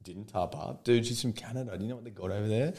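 A man's voice: lowish voice, fast talker, a little mellow, slight background noise, natural voice. A man mimicking his teasing mates. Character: teasing young male mates.

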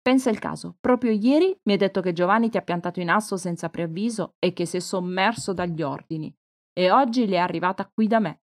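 A woman reading the lines of a lively, warm-hearted woman who runs a bed and breakfast, in an audiobook. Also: fairly low pitch, fairly quick, no room sound, clean studio sound, close to an everyday voice. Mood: cheerful.

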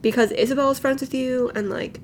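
A woman's voice: high-pitched, fairly even intonation, brisk, slight background noise. Rambling nineteen-year-old woman, filler-heavy. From Los Angeles, California. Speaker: podcast co-host. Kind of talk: casual chat among friends. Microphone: home podcast mic, lo-fi.

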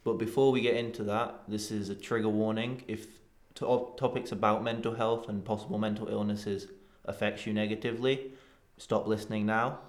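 Teen boy co-host, earnest, lowish pitch, echoey room. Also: level tone, normal speed. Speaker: podcast co-host. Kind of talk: casual chat.

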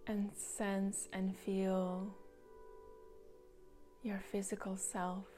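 A woman guiding a grounding meditation, talking softly and slowly, with some words breathed out in a whisper. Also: medium pitch, level tone, soft background music. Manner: slow, soft, partly whispered guidance. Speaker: meditation guide. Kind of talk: guided meditation.

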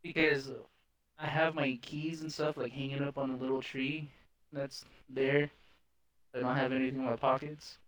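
A young man casually telling a story on a podcast, animated, swearing and laughing often. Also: medium pitch, moderate pace, rough recording. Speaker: podcast co-host.

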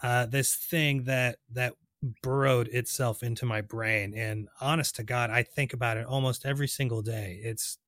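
A man appearing as a podcast guest, chatting casually and stammering excitably. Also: mid-range voice, moderate pace, dry recording, clean studio sound. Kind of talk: casual chat.

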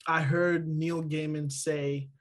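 A man co-hosts a podcast, speaking slowly in a fairly high, flat voice. His casual chat rambles, full of fillers and restarts.

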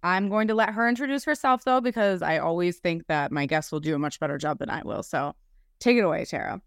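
A woman's voice: lowish voice, quick pace, clear, resonant tone, no echo, studio quality. A woman hosting a podcast in a casual, chatty way, with informal phrasing peppered with "like". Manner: informal, frequent "like" as filler. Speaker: podcast host.

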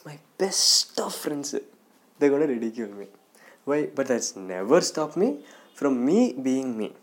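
A man with an Indian English accent telling comic stories on his vlog, animated and acting out voices. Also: medium pitch, unhurried. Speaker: comedy vlogger. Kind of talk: storytelling stand-up monologue.

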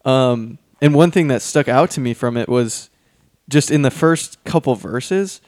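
A man's voice: medium pitch, a little slow, darkish tone, dry recording, studio quality. A man co-hosting a casual podcast, reading Bible passages aloud between many ums and restarts, a little out of breath. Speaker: podcast co-host.

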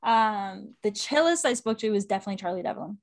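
A young woman from Canada, chatting enthusiastically as an interview guest, full of fillers and quick laughs. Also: mid-range voice, animated, gravelly. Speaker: guest, women's football correspondent. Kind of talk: casual interview chat.

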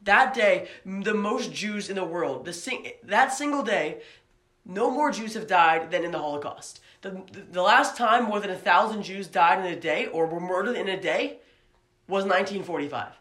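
A man's voice: high-pitched, animated, normal speed, sharp tone. A young man co-hosting a podcast, giving his opinion earnestly with many restarts. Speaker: podcast co-host. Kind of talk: casual opinion talk. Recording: echoey room.

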